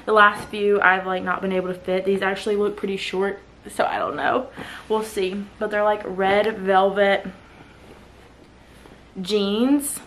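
A woman's voice: medium pitch, slight background noise, poor audio. Chatty woman vlogger with a sore throat. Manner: chatty, many "like" fillers. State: sore throat, cough drop in mouth. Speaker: lifestyle vlogger. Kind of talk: casual chat. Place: home guest bedroom.

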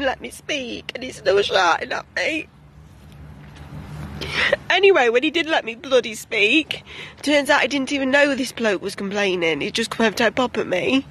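A woman's voice: a little high, fairly bright tone, a little hiss or hum. A woman vlogging about home life, telling a story in a blunt, down-to-earth way. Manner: blunt, recounting a row. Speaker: home-educating mum vlogger. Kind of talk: casual vlog storytelling.

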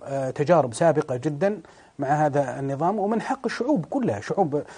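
A male studio guest gives political commentary in a measured, halting way, with many fillers. His voice is husky and dark. He sits slightly high in pitch. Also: expressive.

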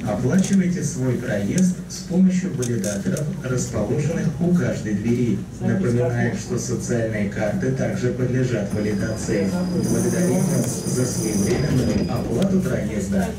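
A man giving formal, measured recorded stop announcements over a tram's loudspeaker PA system. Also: mid-range voice, far from the mic. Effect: over a tram PA loudspeaker. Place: inside a moving tram. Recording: echoey tram loudspeaker from afar, loud vehicle noise.

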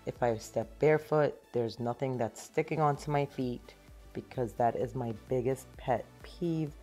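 A woman's voice: very deep voice, measured pace, mellow, soft background music. A woman in her thirties narrating her own cleaning video at home, upbeat and explaining each step plainly. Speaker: cleaning vlogger. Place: small home, living room and pantry.

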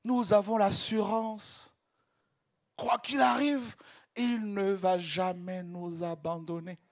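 This preacher's voice sits high, with fairly even intonation, and he takes his time. His ecstatic sermon moves from whispered murmurs to shouted cries as his fervor makes him repeat and stumble over words.

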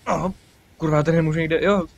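Husky young man gaming, excitable banter. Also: a little high, muffled recording. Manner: excitable, swears, laughs often. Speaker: gaming channel host. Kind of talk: casual let's-play banter.

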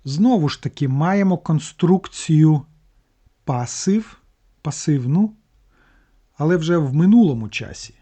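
Male language teacher, patient step-by-step explainer, warm dark tone. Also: fairly high pitch, expressive, unhurried, pauses often. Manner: patient, explains word by word with restarts. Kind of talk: explaining German grammar in a lesson.

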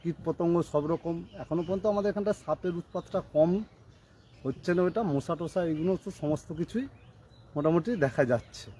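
A man's voice: a little high, normal speed, warm tone, a little hiss or hum. A man, a local shopkeeper, interviewed outdoors, complaining plainly about hardship. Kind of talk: street interview. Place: outdoors in a flooded village.

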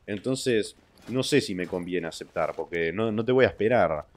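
A young man with an Argentine Spanish accent and a lowish voice, streaming and reading out viewer messages. His delivery is crude and jokey, full of trash talk. He jumps between loud outbursts and low mutters. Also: lively intonation, moderate pace. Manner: crude, joking, trash-talking. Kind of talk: casual livestream chat reading viewer messages.

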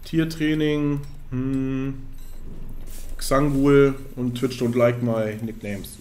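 A man's voice: mid-range voice, steady tone, drawn-out words, a little mellow, slight background noise. A man streaming a strategy game, thinking aloud, counting under his breath and chatting to his viewers. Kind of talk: casual live-stream gameplay commentary.

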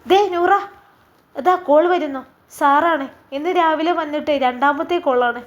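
A chatty, caring nurse who speaks brightly and eagerly. Her high voice rises and lifts with energy, as a woman reader plays her. She is a figure in a storybook reading. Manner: brisk, coaxing, animated.

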